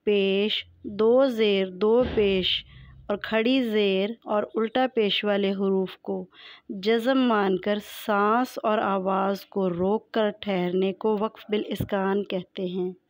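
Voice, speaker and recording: A woman's voice: mid-range voice, no echo. A woman teaching Quran recitation, explaining each term patiently and methodically to her viewers.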